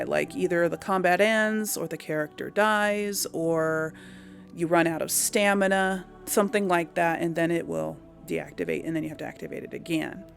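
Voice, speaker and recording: A video game let's player talks casually and musingly through her game, hesitating as she thinks aloud. Her voice sits slightly low with a noticeable creak, and quiet music plays underneath.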